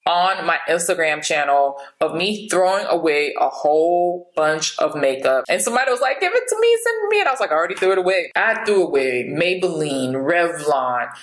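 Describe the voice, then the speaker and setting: A beauty vlogger in her late thirties talks frankly and chattily to her camera at home, laughing easily in a low, sing-song voice. She speaks fairly quickly with hardly any pauses. The poor-quality audio echoes around the small room.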